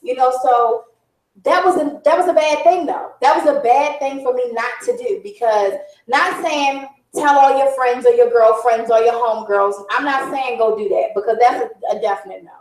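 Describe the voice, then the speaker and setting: A woman's voice: on the high side, normal speed, roomy sound, recorded from a distance, poor audio. A middle-aged woman hosting a talk show, talking earnestly and confidingly in a casual monologue, often circling back and repeating herself.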